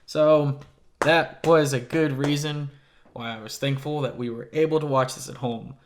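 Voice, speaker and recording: A young man talks through a movie with a friend at an even, mid-range pitch. He rambles and swears casually, his voice jumping up whenever something excites him. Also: normal speed, slight background noise. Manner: animated, swears freely, rambling. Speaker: co-host. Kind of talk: casual movie review chat.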